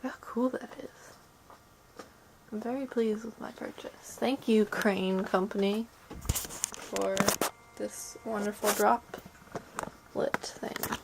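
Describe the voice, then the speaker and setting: A sick woman with a stuffy nose and a sore throat, chatting casually to camera at home in a rambling, soft-hearted way. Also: mid-range voice, steady tone, slow, vocal fry, long pauses, background noise. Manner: rambling, soft-hearted talk to pets and objects. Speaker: vlogger. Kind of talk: casual chat to camera, sick day vlog. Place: at home in a bedroom.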